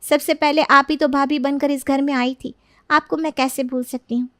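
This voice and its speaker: A woman's voice: high voice, little pitch movement, normal speed, fairly bright tone, dry recording, studio quality. A woman voicing a kind, obliging young woman in a cartoon story, talking sweetly and always ready to help.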